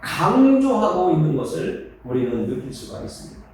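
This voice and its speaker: A man preaching with earnest repetition, his high, lively voice rising and falling. The sound is very echoey, caught from a distance in a church hall. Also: moderate pace, slight background noise. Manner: earnest, repeats key phrases, voices comforting words. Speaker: pastor. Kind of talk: sermon. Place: church sanctuary.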